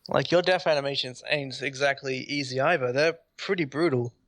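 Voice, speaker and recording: Aussie guy hosting a gaming podcast, bright voice, rambles on excitedly, dry close mic. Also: mid-range voice, normal speed, dry recording. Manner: enthusiastic, rambling. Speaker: podcast host. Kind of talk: casual gaming podcast chat.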